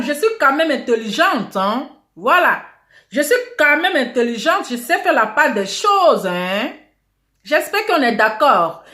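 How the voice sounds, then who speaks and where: A woman's voice: high-pitched, a bit bright, echoey room. A woman hosting a casual gossip vlog, introducing herself in a boastful, theatrical way with repeated catchphrases. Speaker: online video host.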